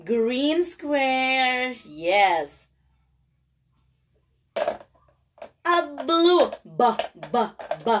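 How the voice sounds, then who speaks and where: A woman's voice: high voice, background noise. A woman talking to a toddler in simple, repeated, encouraging phrases as she teaches shapes, colors and short sentences.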